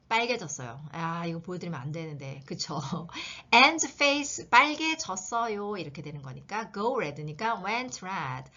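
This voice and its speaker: A woman's voice: mid-range voice, fairly bright tone, muffled recording. A woman teaching an English reading lesson, asking questions and answering them herself.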